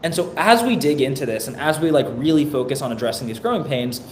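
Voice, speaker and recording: A man with a darkish voice speaks expressively and quickly, hosting a live product town hall as a casual webinar while getting over a cold. He's loose and chatty, full of fillers and restarts. The room is echoey, with a faint rumble underneath.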